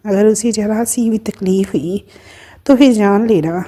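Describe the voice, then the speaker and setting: A woman voicing a gravely ill mother in an audio story, speaking softly and pleading through tears. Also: medium pitch, unhurried, natural voice. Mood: tearful. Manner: soft, tearful pleading.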